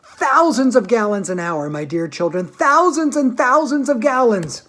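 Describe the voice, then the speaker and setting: A woman reading the part of an eccentric, excitable chocolate maker in a grand, gushing, theatrical voice. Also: fairly low pitch, moderate pace.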